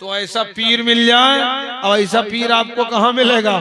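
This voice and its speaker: A male preacher gives an impassioned religious speech, calling out to the crowd for responses and shouting at his peaks. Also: very high-pitched, flat delivery. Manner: slow, shouted climaxes and call-and-response with the crowd. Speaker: Islamic preacher. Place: open-air religious gathering. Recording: crowd noise at a live gathering.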